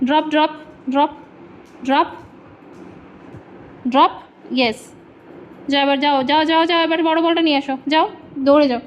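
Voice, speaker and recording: Woman, high voice, coaxing pet talk, slightly dull phone audio. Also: fairly even intonation, moderate pace, long pauses, a little hiss or hum. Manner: coaxing, repeats commands to the dog. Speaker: dog owner filming her pet. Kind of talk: casual talk to a dog and viewers. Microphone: phone held in hand.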